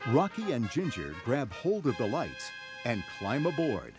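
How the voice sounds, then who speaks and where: A male narrator reads a scripted children's read-along story with dramatic, measured delivery. He goes slowly, his pitch ranging very expressively, while music plays clearly in the background.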